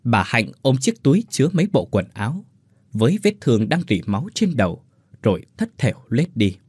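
A man's voice: mid-range voice, sing-song, brisk, a little mellow, breathy edge, no room sound. A man narrating a dramatic folk story in an emotive storytelling manner.

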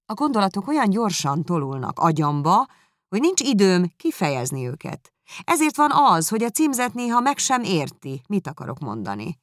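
A woman reading aloud, voicing a good-humoured, easygoing young gentleman who pokes fun at himself. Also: mid-range voice, sing-song, dry recording, clean studio sound, natural voice. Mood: genial. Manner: good-humoured, quick, self-mocking.

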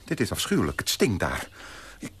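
A man playing a pompous, prim young gentleman in a radio play, turning indignant and shrill when shocked. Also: huge pitch swings, a little fast, husky, full character voice. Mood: fussy.

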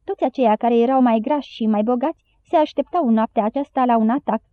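Woman, audiobook narration, steady storytelling, dry close sound, tinny lo-fi. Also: on the high side, no echo. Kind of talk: scripted narration.

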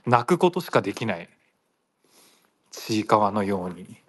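A man's voice: fairly low pitch, big pitch swings, normal speed, fairly bright tone, no echo. A man hosting a solo audio chat, rambling casually and playfully, laughing often and slipping into silly voices.

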